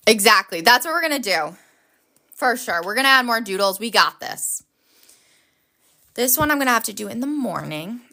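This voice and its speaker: Woman, livestream host, bright chatty voice, upbeat and reacting to chat. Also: fairly high pitch, very animated, normal speed, vocal fry, long pauses.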